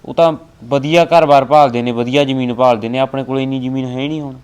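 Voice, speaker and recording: A man playing an older father who gives slow, fatherly advice, with a rural Punjabi accent. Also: mid-range voice, fairly even intonation, a little mellow, clean tone, close to an everyday voice. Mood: weary. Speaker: father of a grown son. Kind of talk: family web drama acting.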